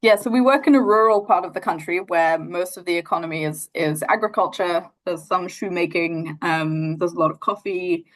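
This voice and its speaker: A young New Zealand woman who founded a charity gives a casual, thoughtful interview in her native accent. Her lowish voice moves at a moderate pace with hardly any pauses, and she leans on many fillers and restarts.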